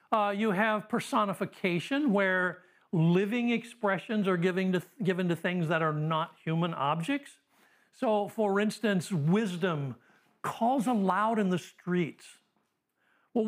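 A middle-aged man teaching a Bible class in a relaxed lecture, full of uh and um, with dry humor. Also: sits high. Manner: conversational with dry humor and frequent fillers.

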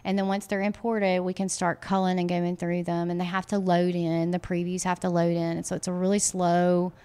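A woman's voice: on the low side, little pitch movement, a little fast, dark tone, clear, resonant tone. A woman near forty with a Southern American accent, a wedding photographer chatting casually in an interview, filling her talk with "um" and "you know". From Mississippi. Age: late 30s.

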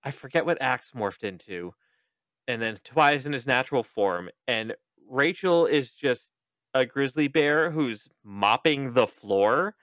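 A man hosting a podcast, casually recapping a book in an animated, joking way, cursing freely and acting out quoted lines. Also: medium pitch, a little slow, dry recording, clean studio sound. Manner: animated, profane, joking, with exaggerated quoted voices. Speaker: podcast host.

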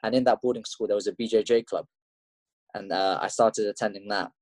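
A young man from Russia with an English accent, an MMA fighter, tells his story in a relaxed interview, talking a little fast in a fairly low, slightly mellow voice with fairly even intonation. His delivery rambles, with frequent fillers and restarts, and the recording has no room sound.

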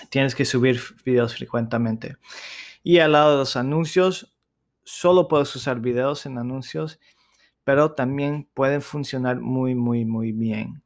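Guy podcasting in spanish w/ american accent, really slow n halting, casual explainer stuff. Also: mid-range voice, gravelly. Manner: halting, searching for words. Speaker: podcast host.

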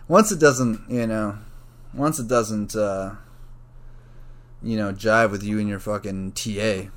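Man, college student, casual storytelling, rambling, profane, self-correcting, lots of fillers. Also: lowish voice. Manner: frequent fillers like "like" and "you know".

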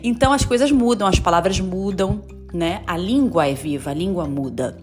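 A woman's voice: lowish voice, animated, normal speed, soft background music. A woman hosting a podcast lesson, explaining slang in a chatty way with lots of tag questions and English examples. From Brazil. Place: lives in the United States.

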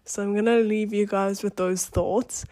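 A woman's voice: medium pitch, steady tone, moderate pace, mellow, no room sound, clean studio sound. Young woman rambling on her podcast. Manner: rambling, chatty, self-deprecating, frequent "like" fillers. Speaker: podcast host. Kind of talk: casual rambling advice monologue. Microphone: close personal mic, one take.

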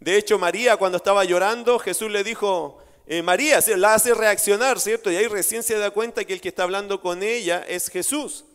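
A man preaches to his congregation in a high, clear, ringing voice, full of rhetorical questions. He speaks from a church sanctuary, and his words trail off into a long hall echo. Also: fairly quick, few pauses, a bit bright. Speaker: pastor. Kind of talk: sermon.

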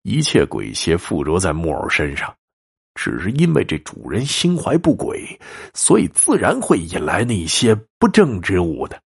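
A man voicing an eerie old puppet maker who speaks slowly and slyly, almost hushed. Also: low voice, wildly swooping pitch, gravelly, breathy edge, exaggerated voice. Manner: slow, hushed, sly.

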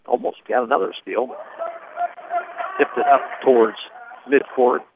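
A man doing radio play-by-play of a basketball game, calling plays fast and reading sponsor spots. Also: medium pitch, noisy background. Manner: rapid calls with read sponsor spots. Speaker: play-by-play announcer. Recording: tinny phone-like radio broadcast.

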